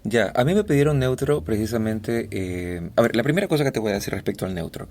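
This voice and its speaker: A man's voice: on the low side, fast. Ecuadorian male voice-over guest, chatty. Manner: animated storyteller, many fillers and restarts. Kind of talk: casual interview chat.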